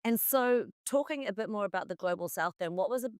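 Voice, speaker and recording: An interviewer on a business news show asking brisk, upbeat questions. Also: mid-range voice, animated, smooth, dry recording, clean studio sound.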